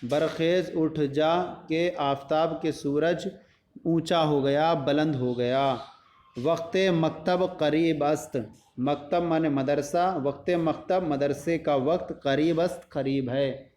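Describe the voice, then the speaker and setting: A man's voice: fairly high pitch, steady tone, a little mellow, reverberant, a little hiss or hum. A male madrasa teacher explaining a Persian primer in Urdu, reading each phrase and then glossing it word by word with patient repetition. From India.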